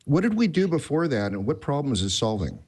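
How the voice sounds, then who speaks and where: Fast-talking rambling male podcast host. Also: a little high, sing-song, darkish tone, slightly rough. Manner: rambling, self-deprecating, many restarts. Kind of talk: casual tech podcast chat.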